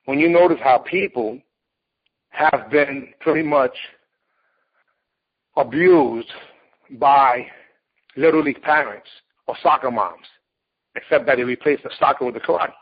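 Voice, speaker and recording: This man, in his late forties, is a martial arts competitor and teacher recounting his story in an interview, blunt and emphatic in delivery. He has a husky, medium-pitched voice, talks a little slowly with long pauses, and the audio is dull and lo-fi.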